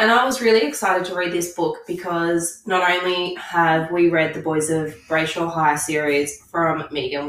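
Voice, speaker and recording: A woman chats casually about books as a podcast co-host. Her voice is fairly low and croaky, creaking as phrases start. She sounds set back from the microphone in an echoey room. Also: fairly bright tone, recorded from a distance. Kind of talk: casual book review chat.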